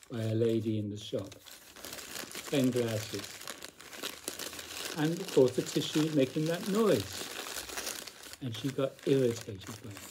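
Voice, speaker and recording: A man giving a slow, reflective spiritual talk, speaking deliberately with long pauses and repeated phrases. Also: medium pitch, noisy background. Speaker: spiritual teacher.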